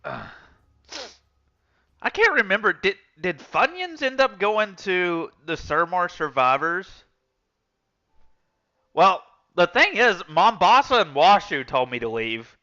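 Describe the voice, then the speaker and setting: Bright, rambling man on a dull lo-fi mic. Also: high-pitched, big pitch swings, takes it slowly, long pauses. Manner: rambling storytelling, many restarts and fillers. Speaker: streamer. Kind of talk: casual gaming stream chat.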